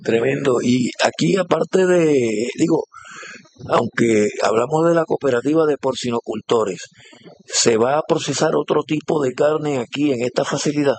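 A man's voice: medium pitch, moderate pace, darkish tone, a little hiss or hum. A man interviewing a guest, asking chatty questions with many fillers. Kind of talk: on-site interview.

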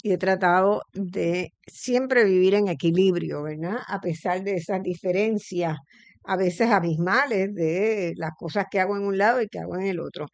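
A woman's voice: lowish voice, moderate pace, dry recording, dull audio. Reflective middle-aged woman host. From Puerto Rico. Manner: reflective, thinks aloud with frequent fillers. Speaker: interview host. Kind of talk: conversational interview.

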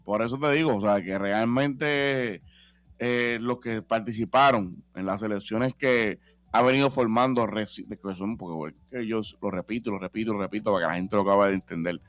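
A man's voice: fairly low pitch, moderate pace, no echo. Man, radio co-host, conversational, repeats for emphasis, dry sound. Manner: conversational, repetitive, prompting. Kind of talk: casual sports talk.

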